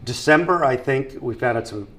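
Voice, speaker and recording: A man hosting a casual telethon interview, effusive and admiring, talking in halting bursts with frequent restarts. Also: medium pitch, expressive, fairly bright tone, slight background noise. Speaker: telethon host interviewing a guest.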